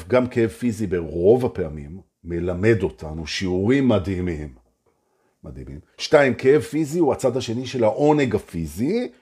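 A man leading a live motivational session as a spiritual teacher. His voice is very husky and breathy, with a mellow, warm tone. His pitch swings widely as he talks, and he repeats phrases in a playful way. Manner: animated, repetitive, playful. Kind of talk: live-streamed motivational talk.

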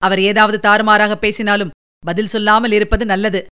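A woman reading a Tamil story, voicing a young male warrior noble with hurried, earnest warnings. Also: mid-range voice, little pitch movement, bright, forceful tone, clear, resonant tone, voice pushed down, lightly acted. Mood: urgent.

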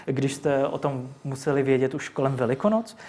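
An interviewer asking measured, probing questions. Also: medium pitch, animated, a little mellow.

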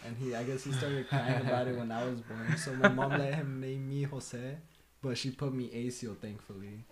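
A man's voice: medium pitch, steady tone, normal speed, over a noisy crowd. A man in his twenties chatting casually on a podcast, telling stories in a rambling way and laughing as he talks. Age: 20s. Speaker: podcast co-host.

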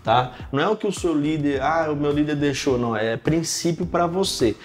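A pastor in his thirties tells stories animatedly on a casual podcast, peppering his speech with "cara" and "né." His voice is a little high and moves at normal speed, with faint music in the background.

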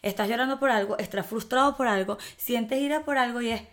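A woman's voice: a little high, a little fast. A young woman co-hosting a casual chat, speaking in an earnest, reflective way.

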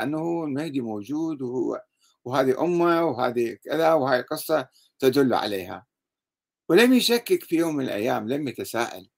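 A man with an Iraqi Arabic accent giving a critical lecture, sarcastic and full of rhetorical questions. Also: medium pitch. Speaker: religious critic.

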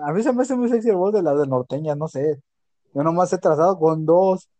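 A man's voice: sits high, moderate pace, warm tone, no echo. A young Mexican man with a Mexican accent, chatting casually and telling crude jokes as podcast co-host. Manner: crude, joking storyteller. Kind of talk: casual chat.

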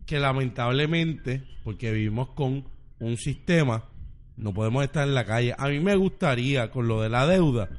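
A man's voice: mid-range voice, lively intonation, normal speed. A Puerto Rican man in a casual group chat, speaking with passion, cursing freely and repeating his points for emphasis.

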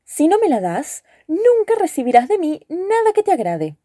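A woman's voice: very high-pitched, huge pitch swings, moderate pace, warm tone, dry recording, clean studio sound, pitched above the performer's own voice, full character voice. A woman voicing an annoyed, demanding neighborhood woman with a sulky, threatening manner.

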